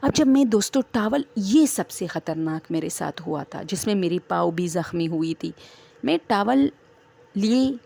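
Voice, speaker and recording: Gravelly-voiced woman telling a spooky story. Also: fairly low pitch, animated, warm tone. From Swat, Pakistan. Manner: chatty, addresses listeners as friends, digresses. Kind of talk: casual first-person horror storytelling.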